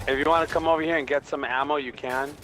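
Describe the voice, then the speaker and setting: Steady man coaching through a game, helmet-like sound. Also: fairly high pitch, quick pace, background noise. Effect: voice sounds as if inside a helmet. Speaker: experienced player guiding a newcomer. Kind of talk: casual gameplay instruction.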